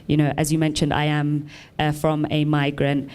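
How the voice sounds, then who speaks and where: A woman from Somalia speaking on a summit panel, measured and thoughtful, with many ums. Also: low-pitched, completely flat delivery, darkish tone, clean tone. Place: conference hall stage.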